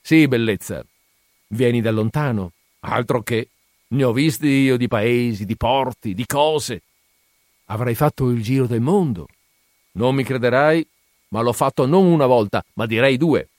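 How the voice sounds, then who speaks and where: A man's voice: mid-range voice, unhurried, darkish tone, no room sound, studio quality, lightly acted. A man reading aloud, voicing a boastful, slightly drunk male sailor who talks with swagger. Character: boastful tipsy male sailor, hearty and cocky.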